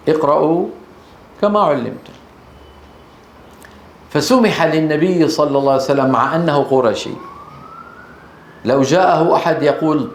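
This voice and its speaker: Male lecturer, fairly high voice, animated, quizzing the class, roomy echo. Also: a little hiss or hum. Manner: animated, checks listeners with rhetorical questions. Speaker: Quran recitation teacher. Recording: echoey room.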